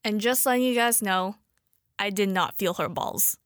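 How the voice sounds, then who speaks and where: A young adult woman hosting a podcast, reading a scripted introduction in an even manner with a wry aside. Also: medium pitch, normal speed, no room sound, studio quality. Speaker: podcast host.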